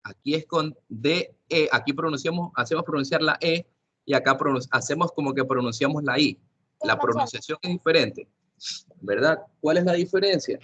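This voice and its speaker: Bright-voiced male teacher explaining patiently. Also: fairly high pitch, normal speed. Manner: patient, repeats and asks the class questions. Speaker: English teacher. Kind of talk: online class lesson.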